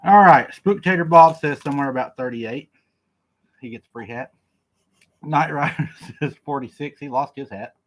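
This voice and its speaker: Speaking at a normal speed in a slightly high voice, a man from Oklahoma chats casually on his livestream as he eats. He laughs, jokes around, and reads out comments from viewers, with a bit of noise in the background.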